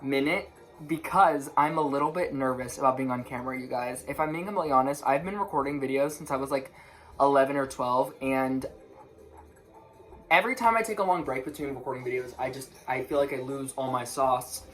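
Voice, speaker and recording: Rambling low-voiced young woman with a lisp. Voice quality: slight lisp. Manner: rushed, rambling, self-interrupting, stutters. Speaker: musician vlogger. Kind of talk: casual chat to camera. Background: faint music.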